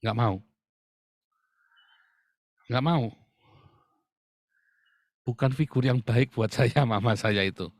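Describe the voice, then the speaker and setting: A man's voice: mid-range voice, takes it slowly, long pauses, no echo, clean studio sound. A man preaching a sermon, often addressing the listeners directly and laughing as he talks. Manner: addresses the congregation as "Saudara" often, with humor and laughs. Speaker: pastor.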